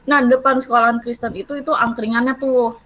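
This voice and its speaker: A woman's voice: a little high, flat delivery, fairly quick, fairly bright tone, rough recording. A young woman, rambling through a story with fillers in casual podcast chat. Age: young adult. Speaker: guest storyteller.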